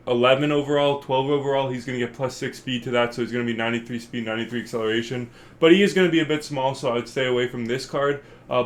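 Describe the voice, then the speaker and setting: Sounding stuffed up and congested, a gaming channel host rambles casually through his video game predictions. He thinks out loud, peppering his talk with ums and uhs, and his pitch lands squarely in the middle of the male range.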